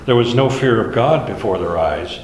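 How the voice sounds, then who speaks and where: A man's voice: lowish voice, animated, moderate pace, darkish tone, slight background noise. A man leading a Bible study, explaining verses one by one in a conversational way. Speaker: Bible teacher. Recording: echoey hall with faint ambience.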